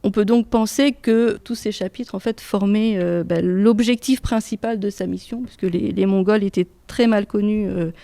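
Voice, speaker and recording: Woman researcher, warm low-key tone, measured explanation, dry close sound. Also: fairly even intonation, vocal fry, no echo. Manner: careful, hesitant, many fillers. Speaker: researcher guest. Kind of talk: explaining history in an interview. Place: research institute room.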